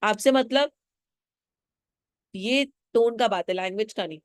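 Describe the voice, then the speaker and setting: A woman's voice: mid-range voice, moderate pace, dry recording, clean studio sound. A woman teacher giving a classroom lecture, explaining a play line by line in a mix of Hindi and English and quizzing her students. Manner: mixes Hindi and English, asks students questions, acts out lines.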